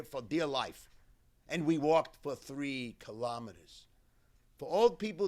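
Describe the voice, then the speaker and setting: Man speaking in slow measured phrases. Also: fairly high pitch, a bit bright. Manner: measured, deliberate delivery in short phrases. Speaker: cantor giving a keynote address. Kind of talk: first-person retelling of a survivor's story at a memorial gathering.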